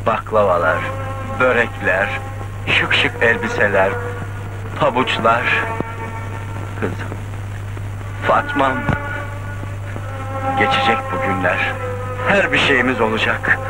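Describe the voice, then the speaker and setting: A man's voice: on the low side, expressive, slow, long pauses, rough recording. An actor playing a struggling middle-aged working father in a 1970s film drama, earnest and plaintive. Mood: tender, hopeful. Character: struggling, sick working father, tender toward his daughter. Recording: old film soundtrack with music.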